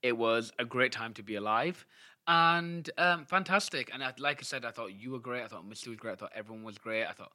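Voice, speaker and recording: Young man, teasing camp co-host, bright tone, dry close mic. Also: medium pitch, brisk, no echo. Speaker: podcast co-host. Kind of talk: casual chat.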